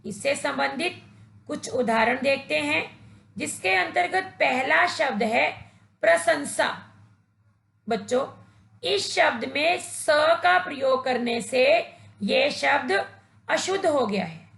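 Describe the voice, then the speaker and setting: Brief: woman teacher, high voice, very gravelly, patient lesson for kids, echoey room. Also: expressive, takes it slowly, a bit bright. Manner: patient, instructive, addresses children directly. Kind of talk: slow, deliberate Hindi grammar lesson for children.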